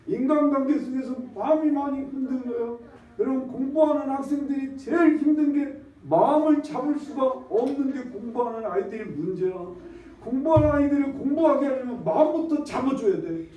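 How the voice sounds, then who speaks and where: A male pastor giving a conversational sermon in a church, repeatedly asking the congregation questions in a folksy, repetitive way. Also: very high-pitched. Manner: peppers talk with questions to the congregation; folksy, repetitive, drawn-out emphasis. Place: church sanctuary. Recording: echoey, distant, dull lo-fi church recording.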